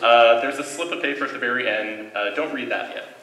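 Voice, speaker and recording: Guy game master hosting a dnd panel, bright voice, echoey room. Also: mid-range voice, fairly quick. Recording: roomy sound with faint noise.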